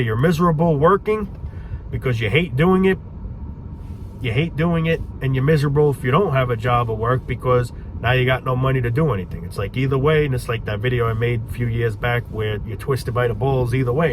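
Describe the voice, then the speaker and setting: A man's voice: mid-range voice, a little fast, background noise. A man ranting casually and profanely to his viewers, frustrated and rambling. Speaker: vlogger.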